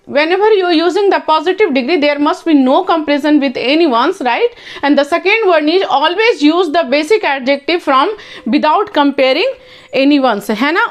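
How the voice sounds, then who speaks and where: Slow, high-voiced Indian woman teaching grammar. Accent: Indian English. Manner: mixes Hindi and English, repeats questions to students; slow, drawn-out English phrases, quicker Hindi explanations. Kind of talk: classroom grammar lesson.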